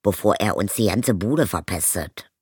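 A man voicing a crude, greedy stepmother, loud and mocking, in an audiobook. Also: low voice, expressive, normal speed, breathy edge, no echo, clean studio sound, full character voice. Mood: bossy. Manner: loud, sneering, mumbling with a full mouth. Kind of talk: audiobook character voice.

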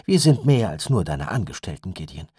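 A man voicing a calm, firm mother who speaks quietly but with a hard edge, soothing yet steady. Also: deep voice, a little fast, husky, dry recording, clean studio sound, full character voice.

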